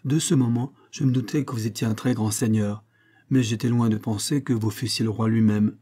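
A man's voice: fairly low pitch, steady tone, a little fast, mellow, husky. A man reading an earnest, upright mountain man. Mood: steadfast. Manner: earnest, steadfast replies. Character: honest, unflinching mountain man, upright commoner. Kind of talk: audiobook character reading.

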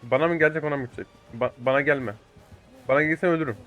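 A young man giving excitable live commentary over a multiplayer game, swearing and talking to teammates and viewers. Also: on the high side, very fast, highs cut off, soft background music. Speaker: gaming YouTuber.

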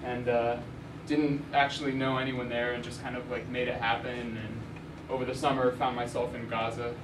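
This young Arizona man, a journalist, speaks at a normal speed with a medium pitch that barely moves. He's giving a relaxed slide lecture in a university lecture hall, often saying um and restarting. The room mic sits far away, so the audio is echoey and noisy.

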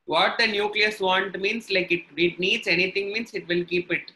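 A man's voice: high voice, fairly even intonation, moderate pace, bright, forceful tone, rough recording. A man with a South Indian accent teaching biology in a live online lesson, explaining step by step and repeating his points. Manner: instructional, repeats and rephrases points.

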